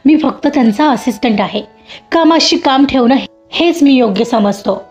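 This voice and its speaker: A woman's voice: sits high, expressive, normal speed, a little mellow. A woman voicing a jealous, dismissive young male assistant who speaks in a curt, defensive way. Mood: sulky. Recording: dull lo-fi audio with faint music.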